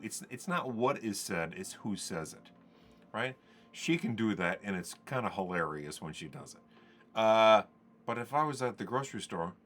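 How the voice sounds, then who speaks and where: Low-voiced man telling stories casually. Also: a bit bright. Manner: rambling, conversational, acts out quoted dialogue. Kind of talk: casual podcast storytelling.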